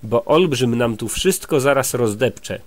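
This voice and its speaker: A sensible little forest gnome, read aloud by a man. The voice is calm and plain, close to the reader's own. It is pitched at an ordinary middle level, as in a bedtime story. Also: measured pace, lightly acted. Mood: warning.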